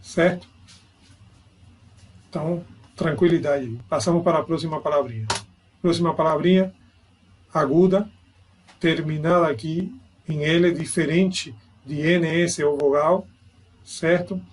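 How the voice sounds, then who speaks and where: A man's voice: fairly high pitch, a little slow, long pauses, a little hiss or hum. A man giving an online grammar lesson, explaining step by step and checking in with his students. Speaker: Spanish teacher.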